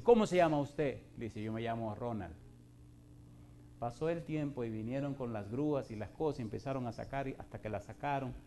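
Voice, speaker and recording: A male pastor preaching a sermon who swings from loud, emphatic preaching to a hushed storytelling voice and puts rhetorical questions to the congregation. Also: medium pitch, a little hiss or hum.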